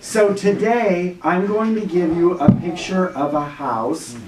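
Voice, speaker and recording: A woman teaching a children's Bible class, giving clear step-by-step instructions. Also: on the low side, slow pace, noisy background. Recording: echoey room, mic far off, children chattering behind.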